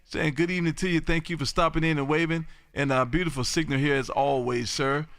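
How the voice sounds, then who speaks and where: The host, an American man, runs a lively amateur radio live stream and talks casually with callers in a folksy, repetitive way. His voice is on the high side, steady and brisk with a fairly bright tone, and there is no room sound.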